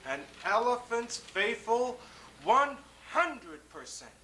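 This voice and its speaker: A man's voice: very high-pitched, very animated, slow pace, sharp tone, slight background noise, voice pushed up, full character voice. A man reading a faithful, stubborn elephant. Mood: steadfast. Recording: roomy, distant mic.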